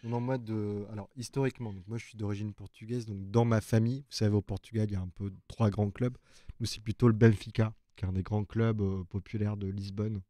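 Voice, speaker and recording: A man's voice: on the low side, fairly even intonation, a little fast, mellow. A man who works as a journalist on an ecology desk, explaining at length and thinking aloud in a casual live chat from an open newsroom.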